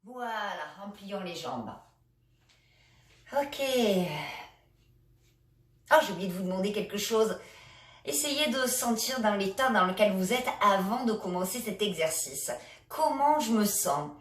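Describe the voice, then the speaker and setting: French laughter yoga teacher in an echoey room. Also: female voice, medium pitch, lively intonation, moderate pace. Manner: gentle coaching with many hesitations. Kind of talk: guided exercise session. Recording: echoey room, a bit far from the mic.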